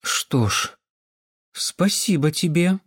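A man voicing a cautious young woman who talks gently and coaxingly but turns firm when she has to. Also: a little high, big pitch swings, measured pace, no room sound, studio quality, voice pushed up. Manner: soft, coaxing, sometimes sharp commands.

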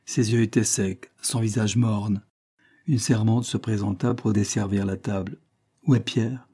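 A man narrating a classic novel in a measured, dramatic reading. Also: lowish voice, fairly even intonation, mellow, slightly rough. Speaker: audiobook narrator. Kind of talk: literary audiobook reading.

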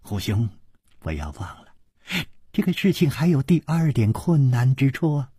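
Man playing a smooth young noble, soft breathy low voice, husky, dry recording. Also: sing-song, normal speed, no room sound. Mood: explaining.

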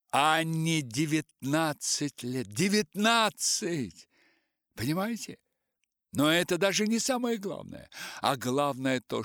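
A man's voice: on the high side, a bit bright, dry recording, clean studio sound, voice pushed up, heavily acted. A man voicing a sly, mocking male theater actor who talks sarcastically and mimics others. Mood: lively.

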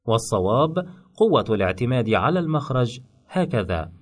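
Male teacher, scripted lesson narration, measured and explanatory, mid-pitched. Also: very animated. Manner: measured, explanatory, demonstrates sounds. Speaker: phonetics teacher.

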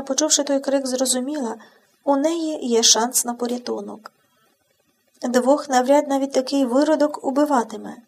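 A woman narrating an audiobook with expressive storytelling. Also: sits high, breathy edge.

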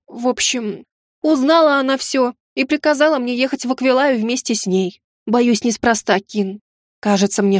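A woman's voice: fairly high pitch, no room sound, studio quality, close to an everyday voice. Woman playing a whimpering sly old-fashioned maid. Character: tearful, sly middle-aged maid with folksy speech.

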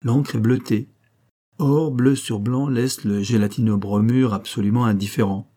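A man reading as a calm methodical detective. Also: mid-range voice, lightly acted. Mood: explaining. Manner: measured and explanatory. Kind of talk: audiobook character reading.

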